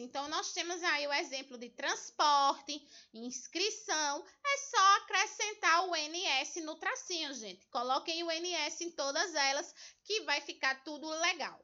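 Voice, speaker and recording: A woman primary school teacher from Brazil walking children through homework, patient and slow, spelling out syllables. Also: extremely high pitch, bright, forceful tone. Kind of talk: remote homework lesson walkthrough. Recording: dull lo-fi recording.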